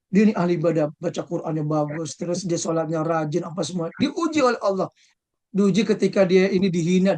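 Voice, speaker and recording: An Islamic religious teacher giving a conversational study talk, full of rhetorical and tag questions and soft chuckles between points. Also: medium pitch.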